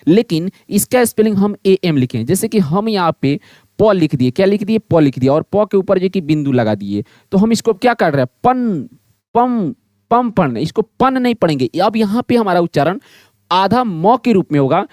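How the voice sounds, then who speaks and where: A man teaches a blackboard lesson. He keeps asking the class a question and answering it himself in a repetitive drill. His voice sits high and sounds dry and close, with no room echo. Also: sing-song, a little fast, darkish tone.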